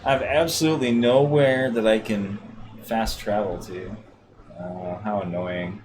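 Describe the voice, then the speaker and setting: A man's voice: on the low side, steady tone, a little slow. A man streaming a video game live, muttering and swearing casually at it as he plays. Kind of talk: casual gameplay commentary. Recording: noisy livestream audio.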